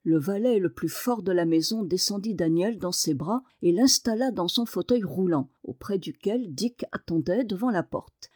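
A woman reading a novel aloud as an audiobook narrator, with measured, expressive narration. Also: lowish voice, no room sound, studio quality.

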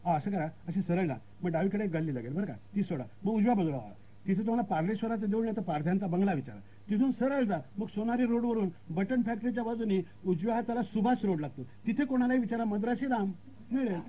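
A man voicing a hurried stranger who rattles off street directions, on a dull lo-fi recording. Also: sits high, expressive. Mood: brisk. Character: hurried bush-shirted man giving directions.

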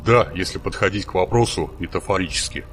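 A man's voice: sits low, fast, fairly bright tone, a little hiss or hum. A man doing a grumpy, capricious God. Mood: whimsical. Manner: gruff, snapping, condescending. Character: grumpy, capricious, self-satisfied male God.

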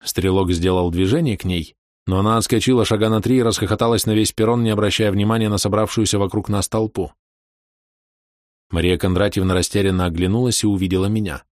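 A male audiobook narrator with a low voice and a measured, even delivery. The recording is dry and close, with no room sound. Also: dry recording. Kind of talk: scripted narration.

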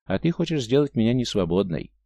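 A man's voice: mid-range voice, big pitch swings, fast talker, gravelly, dark tone, dry recording. A man reading an audiobook voices a proud, tender Martian woman, pleading earnestly with her raised tone.

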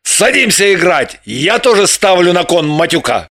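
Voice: medium pitch, big pitch swings, normal speed, fairly bright tone, dry recording, studio quality. An audiobook narrator voicing brash, tipsy middle-aged male gamblers, boisterous and coaxing. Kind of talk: audiobook character voices.

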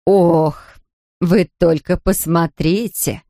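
An audiobook narrator voicing a blunt old woman who keeps a village shop, speaking slowly and plainly. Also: medium pitch, fairly even intonation, dark tone, dry recording, clean studio sound. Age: older. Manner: blunt, drawn-out speech.

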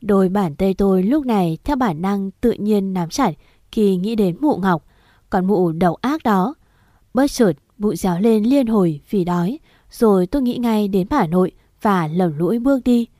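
A woman narrating a ghost story in the first person with a sad, measured delivery. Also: mid-range voice, animated, warm tone, no echo, studio quality.

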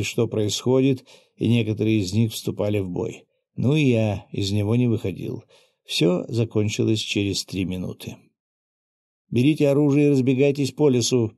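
A man reading an audiobook aloud in steady first-person narration. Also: fairly low pitch, no echo. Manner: steady, even storytelling.

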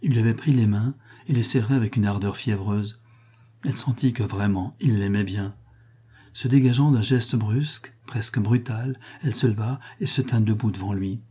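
A man reads a novel aloud in a measured, expressive way. His voice is husky and mellow, with a soft, dark tone. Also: on the low side. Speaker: audiobook reader. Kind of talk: scripted narration of a novel.

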